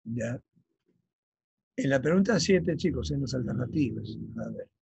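Male teacher, very raspy voice, gravelly, vocabulary lesson, checks in with students, dictates slowly. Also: mid-range voice, animated, darkish tone, no room sound, rough recording. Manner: checks understanding with frequent "ya?"; slow, emphatic dictation of key terms. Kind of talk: vocabulary lesson for exam prep.

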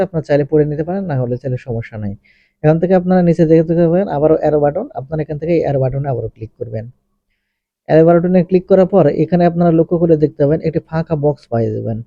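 Speaking very rapidly in a fairly high voice, a man narrates a step-by-step tech tutorial, methodically working through each step and often repeating his phrasing. The recording is close, dry, and muffled.

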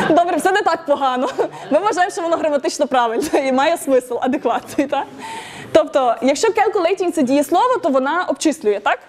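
Brisk, high-voiced woman lecturer who laughs often. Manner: laughs often, lively and encouraging. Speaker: speaker at a tech meetup. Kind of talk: interactive lecture quizzing the audience.

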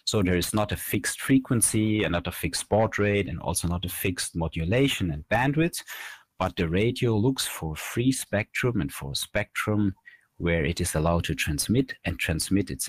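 Speaking in a low-pitched voice on a headset mic, a man in his thirties walks through a technical conference talk with slides, step by step. The researcher is recorded over webcam indoors, and there is no room sound.

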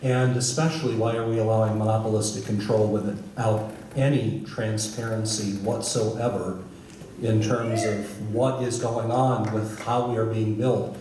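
A man's voice: lowish voice, level tone, measured pace. A middle-aged man at a public hearing, speaking at a podium mic and asking pointed rhetorical questions. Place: large hall with wooden stage. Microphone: podium mic on a stand. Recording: echoey hall from far off, noisy.

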